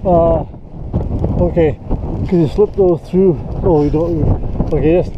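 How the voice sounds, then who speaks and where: On a snowy, windy mountain, a work crew leader gives his helpers casual, practical instructions, thinking aloud in short phrases. His voice is fairly high and slow. A body-worn action camera records him, and the sound is muffled with loud wind noise.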